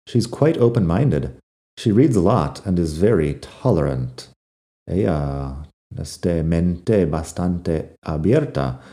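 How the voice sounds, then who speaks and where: A man teaching English vocabulary, reading example sentences slowly twice and translating them. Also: low-pitched, dark tone. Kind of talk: vocabulary lesson.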